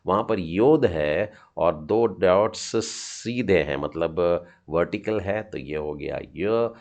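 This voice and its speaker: A man's voice: sits low, takes it slowly, a little mellow. A middle-aged man teaching a children's Hebrew lesson, patiently sounding out each letter and encouraging his students.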